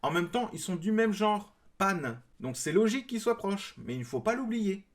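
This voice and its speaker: High-voiced man giving sarcastic rebuttal. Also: very animated, normal speed. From France. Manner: explanatory, mildly sarcastic. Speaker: video creator responding to a clip. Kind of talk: critical commentary rebuttal.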